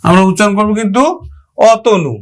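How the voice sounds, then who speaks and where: Teaching grammar, this man talks fairly fast in a high-sitting voice, putting questions to the students and breaking example words into syllables as he pronounces them.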